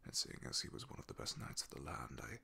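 In a fantasy ASMR roleplay, a man voices a loyal, shy, soft-spoken knight. His voice is hushed, breathy and gravelly, his delivery hesitant and halting, and the mood is wistful and reflective.

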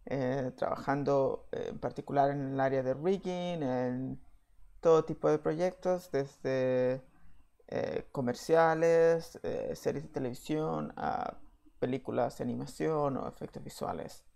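A man from Chile giving a slide presentation from home, measured and pausing often with "eh" fillers. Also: a little high, vocal fry, a little mellow. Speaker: VFX software engineer giving a talk.

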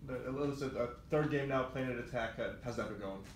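A man reporter asking quick questions at a press conference. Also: medium pitch. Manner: quick, with uhs. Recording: echoey room, light noise.

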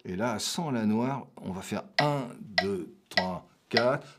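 A man's voice: lowish voice, measured pace, very noisy. An older man giving a loose, chatty jazz piano lesson, singing note names and counting beats as he plays. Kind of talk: spoken piano lesson with playing. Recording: talk over loud piano playing.

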